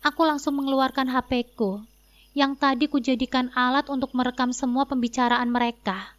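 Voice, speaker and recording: A woman's voice: sits high, steady tone, normal speed. A woman narrating a dramatic first-person story, with a cold, scornful, confronting manner.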